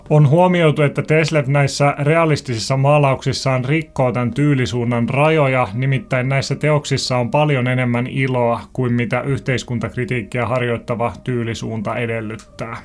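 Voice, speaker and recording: A young man narrates an informative video in a calm, clear, scripted way. His pitch sits in a normal middle range, and he speaks directly to his viewers as the channel's host.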